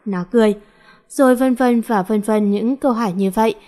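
A woman's voice: a little high, a little fast, mellow. A woman reading a first-person story aloud, voicing the characters' lines with small lifts in her voice.

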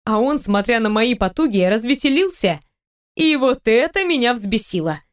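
Wry woman narrating an audiobook, slightly high. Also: expressive, normal speed. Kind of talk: first-person scripted narration.

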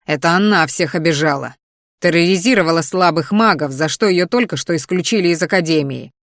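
A woman's voice: lowish voice, brisk, no echo, studio quality, lightly acted. A woman voicing a stern young male mage who talks to his family in a growling, sarcastic way. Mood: scornful.

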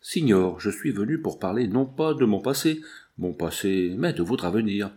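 A man reading the lines of a secretive, anxious woman, the wife of a bandit chief, in a low hushed voice. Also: expressive, moderate pace, close to an everyday voice.

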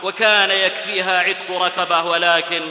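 High bright-voiced preacher in an echoey hall. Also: male voice, level tone, moderate pace. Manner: storytelling with rhythmic recited verse. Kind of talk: sermon.

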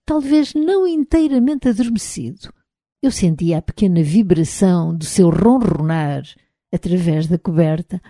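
A woman with a European Portuguese accent reading a first-person novel aloud in a measured, even storytelling manner. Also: fairly low pitch, no room sound, clean studio sound. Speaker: audiobook narrator. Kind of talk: scripted first-person narration.

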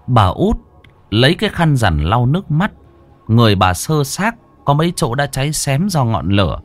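A man's voice: medium pitch, sing-song, moderate pace, no room sound. A man narrating a ghost story in a dramatic, scripted style. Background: faint music.

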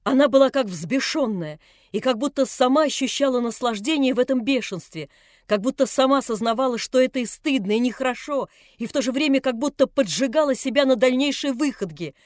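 A woman reading a classic novel aloud in a measured, expressive storytelling voice. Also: sits high, no echo, studio quality. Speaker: audiobook reader. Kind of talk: literary audiobook narration.

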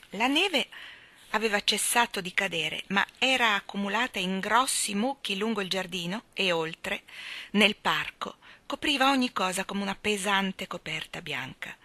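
A woman reading a children's novel aloud in an expressive storytelling manner. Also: medium pitch, no room sound. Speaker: reader. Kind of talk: audiobook reading.

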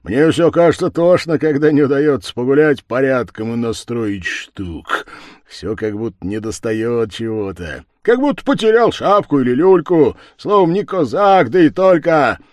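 A man's voice: extremely low pitch, sing-song, dry recording, studio quality, pitched below the performer's own voice. A man voicing a burly young carouser who eggs on his friends, in a storybook reading. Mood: rowdy. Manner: loud, fast, brash. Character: burly young male carouser, rowdy and brash.

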